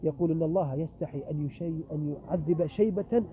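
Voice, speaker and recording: A man's voice: a little high, quick pace. A middle-aged man preaching a sermon with a closing prayer, speaking emphatically and firing rhetorical questions at his audience. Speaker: visiting preacher. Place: religious gathering with an audience. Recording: muffled recording, faint background noise.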